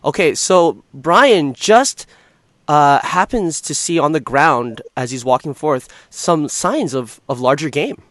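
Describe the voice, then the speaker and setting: A man acting as game master, improvising narration for a tabletop game in halting, hesitant phrases. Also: on the high side, lively intonation, a bit bright, no room sound.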